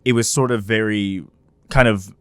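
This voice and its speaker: A man hosting a casual podcast, talking loudly with lots of laughter and filler words. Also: fairly low pitch, normal speed, clean tone, dry recording, studio quality. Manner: loud, animated, laughs often, many fillers. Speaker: podcast host.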